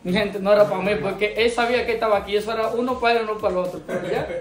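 A man's voice: high-pitched, steady tone, racing, over music. A man with a Dominican accent hosting a casual vlog, chatty and teasing with the people around him. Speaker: vlogger host.

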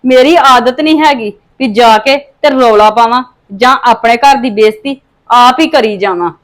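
A woman's voice: on the high side, normal speed, natural voice. A woman playing a wronged daughter-in-law accused of theft, pleading and aggrieved. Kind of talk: family drama acting.

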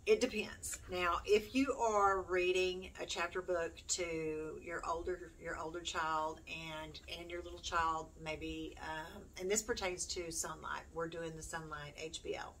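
Unhurried and steady, with few pauses, her lowish voice carries a fairly bright tone as she chats to camera. She's a middle-aged homeschooling mom hosting a YouTube channel, rambling along and running herself down with humor. The small room at home is noisy, and the mic is distant.

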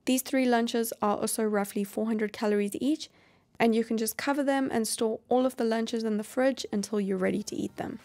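A woman hosting a cooking channel, explaining each step of a meal prep in a calm voice-over. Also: on the high side, normal speed. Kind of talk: instructional voice-over.

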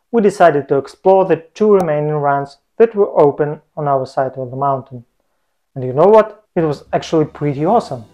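A jokey travel vlogger records scripted narration at home indoors using a lapel mic. His somewhat high voice has a darkish tone, and the audio comes out dull.

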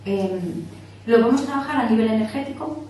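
Here a Barcelona-area woman runs a casual teaching session for a small workshop group, speaking a little high, fairly quickly, and with animation, yet mellow in tone. She frequently checks in with "¿vale?" while explaining and demonstrating with her hands. The far camera leaves the small meeting room sounding echoey, with a faint hiss underneath.

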